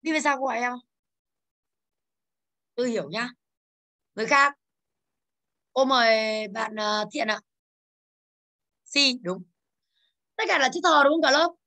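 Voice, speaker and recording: Bright high-voiced woman teaching a class. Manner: brisk, calls on students by name, drills pronunciation. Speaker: English teacher. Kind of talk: classroom exercise review.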